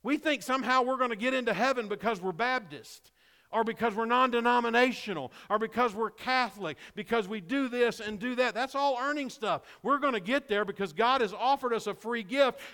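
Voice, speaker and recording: Hoarse pastor preaching in a reverberant church. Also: male voice, fairly quick. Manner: impassioned preaching, swinging from loud emphatic lines to quiet low asides. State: hoarse, losing his voice. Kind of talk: sermon. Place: church sanctuary. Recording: long reverb of a large hall.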